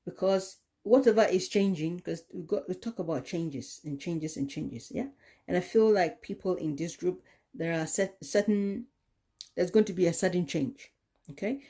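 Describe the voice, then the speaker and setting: A woman giving a tarot card reading, talking in a slow, soothing way with many "okay?" tag questions. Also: on the low side, warm tone. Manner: drops into a whisper at times. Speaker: tarot reader.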